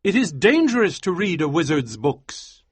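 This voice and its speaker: An intense, ambitious scientist husband, as a male narrator puts him on. He speaks earnestly with lively rises and falls in pitch, and the recording is dry and close. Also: moderate pace, husky, dry recording. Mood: tender.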